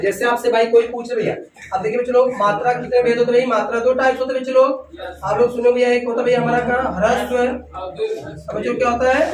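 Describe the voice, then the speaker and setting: A man teaching a classroom lesson, asking the class questions over and over and calling the students "bhaiya" and "children". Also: extremely high pitch. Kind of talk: classroom lecture. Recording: echoey room, voice from far off, class noise behind.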